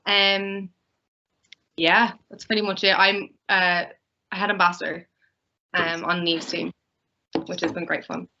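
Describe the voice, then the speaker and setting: A young woman in her twenties introducing herself as a student ambassador on a video call, relaxed and hesitant. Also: fairly low pitch, unhurried, long pauses. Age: 20s. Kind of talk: casual chat. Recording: muffled video-call audio.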